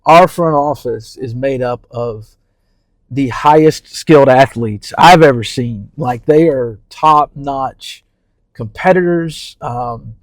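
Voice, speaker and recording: Podcast guest, man from New Orleans, over thirty-five, relaxed and halting, repeats words, mid voice, dry close mic. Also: medium pitch, no echo. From New Orleans, Louisiana. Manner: easygoing, repeats words while thinking, many fillers. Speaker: community development manager for a baseball team. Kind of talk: casual podcast conversation.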